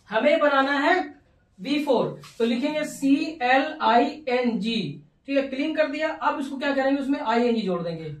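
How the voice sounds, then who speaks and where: Woman, English grammar lesson in Hindi, high voice, spells words and repeats verb forms, rhetorical check-in questions, echoey room, off-mic. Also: distant mic. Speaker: English teacher.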